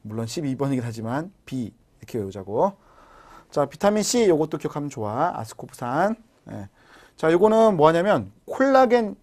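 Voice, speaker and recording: A man's voice: a little high, creaky. A man teaching a recorded biology lecture, explaining at the board and using playful memory tricks. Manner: animated teacher with mnemonic jokes.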